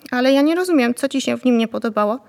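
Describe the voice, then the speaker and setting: A woman voicing a sharp-tongued aunt who scolds and needles. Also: fairly high pitch, rapid-fire, vocal fry. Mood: scolding.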